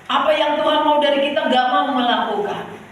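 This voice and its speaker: High-voiced woman preaching in an echoey hall. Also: fairly quick, a bit bright, a little hiss or hum. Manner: calls to the congregation, sometimes breaks into song. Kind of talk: sermon. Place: church hall. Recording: echoey hall, heard from far off.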